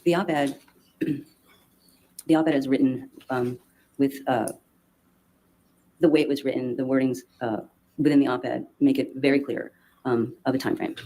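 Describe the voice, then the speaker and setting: Male witness in court, mellow tone, hesitant and halting delivery. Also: medium pitch, fairly even intonation, rough recording. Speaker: witness testifying. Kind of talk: courtroom testimony.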